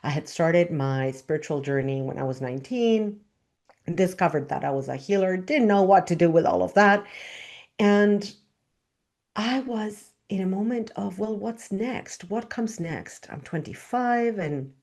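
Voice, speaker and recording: Low-voiced woman. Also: unhurried, vocal fry. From Argentina. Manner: expressive, emphatic storytelling. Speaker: spiritual teacher. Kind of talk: personal storytelling talk.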